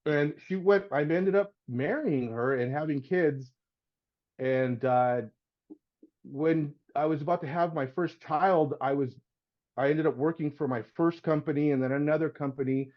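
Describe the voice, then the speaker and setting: Middle-aged guy, painter telling stories on a podcast, kinda high voice, muffled lo-fi sound. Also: a little slow. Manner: animated storyteller, acts out voices, says "man" and "dude". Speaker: guest, house painter. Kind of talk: casual storytelling.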